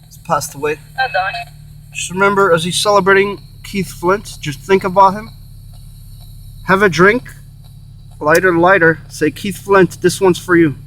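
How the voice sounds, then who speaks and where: A man hosting a paranormal session in casual, halting talk, repeating himself and breaking off phrases. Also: sits high, steady tone, fairly bright tone, low-quality recording. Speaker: host of a paranormal spirit box session. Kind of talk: casual rambling vlog talk, addressing spirits and viewers. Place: in or beside a car. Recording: faint hum and noise.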